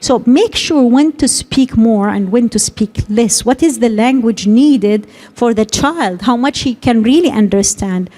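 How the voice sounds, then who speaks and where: A woman's voice: on the high side, unhurried, few pauses, warm tone. Woman giving a conference talk. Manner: explains with many acted examples of parent talk. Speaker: speech and language consultant.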